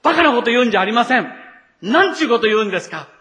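An exasperated male disciple rebukes his teacher in a high, bright voice. A man acts him out, piling up quick, emphatic objections as in a retold scripture story. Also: sing-song, full character voice. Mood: scolding. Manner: scolding, emphatic.

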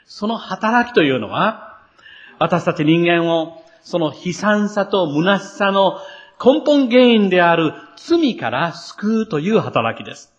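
A man preaching a sermon to his congregation in an earnest, expressive way, building to emphatic passages. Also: sits high, takes it slowly, dull audio. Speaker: pastor.

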